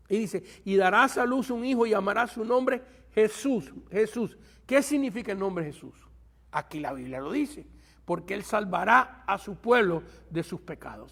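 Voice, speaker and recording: A male pastor giving a Bible study lecture to a class, asking rhetorical questions and pausing to search for the right words. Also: high voice, gravelly.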